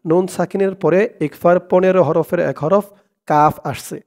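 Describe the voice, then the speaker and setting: A man teaching Quran reading, breaking words into syllables and slowly chanting the verses. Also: high voice, fairly even intonation, darkish tone. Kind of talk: step-by-step recitation lesson.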